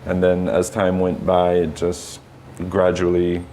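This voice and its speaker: A woman's voice: a bass voice, completely flat delivery, a little slow, mellow, slight background noise, poor audio. A woman hosting an interview, prompting her guest with affirming questions and frequent short agreement sounds. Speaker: interviewer host.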